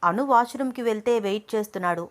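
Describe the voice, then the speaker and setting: A woman's voice: medium pitch, quick pace, lightly acted. A breezy, reassuring young sister in a storybook romance, as a female narrator reads her. Light and easy, close to the narrator's own voice.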